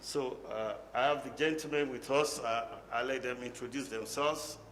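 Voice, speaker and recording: A man moderating a conference panel, speaking haltingly and often repeating words. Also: medium pitch, a bit bright. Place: conference hall. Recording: echoey conference hall, faint noise.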